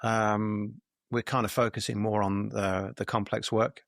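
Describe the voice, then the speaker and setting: A man in his fifties, a dentist co-hosting, talks in a wandering, hesitant way with many restarts. His voice is on the low side. The sound is dry, like a video call. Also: flat delivery, measured pace, gravelly, no room sound. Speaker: dentist and podcast co-host. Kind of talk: casual interview chat.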